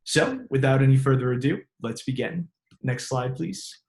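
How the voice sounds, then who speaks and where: A man's voice: mid-range voice, moderate pace, a little mellow. A man hosting an online open house on a video call, reading scripted introductions with small slips. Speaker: host. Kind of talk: webinar hosting.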